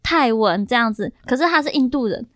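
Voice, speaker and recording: Young Taiwanese woman guest, high and quick, dry close sound, rambling anecdotes. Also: no echo. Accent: Taiwanese Mandarin. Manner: animated, rambling with many fillers. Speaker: podcast guest. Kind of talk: casual chat, storytelling.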